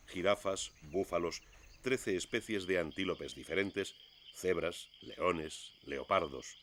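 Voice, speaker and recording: Deep voiced guy from spain doing nature documentary narration, measured storytelling, bit of background noise w animal sounds. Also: a bit bright.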